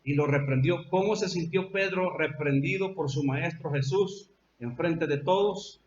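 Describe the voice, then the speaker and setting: A man's voice: fairly high pitch, unhurried, slight background noise. A man with a Salvadoran accent preaching a sermon, telling the story emphatically and drawing out repeated phrases. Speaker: pastor. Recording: echoey dull lo-fi church recording.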